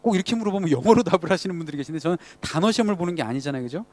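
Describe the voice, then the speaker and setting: High-voiced man preaching to a youth group. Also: lively intonation, racing. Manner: conversational, asks the congregation questions. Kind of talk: sermon.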